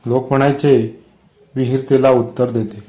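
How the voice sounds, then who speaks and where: A man voicing a grave, haunted old village man who speaks slowly in a lowered voice. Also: level tone, warm tone, close to an everyday voice.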